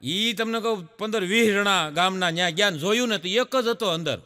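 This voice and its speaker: A man's voice: high-pitched, moderate pace, long reverb tail. A man telling folk jokes on stage, acting out the voices of the people in his stories. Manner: lively storyteller, acts out characters' voices. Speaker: stand-up joke teller.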